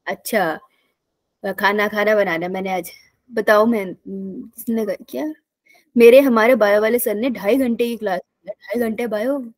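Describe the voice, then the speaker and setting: A woman's voice: mid-range voice, steady tone, measured pace, no room sound. A young woman teaching a live online biology class in a casual, chatty way, telling stories and often laughing.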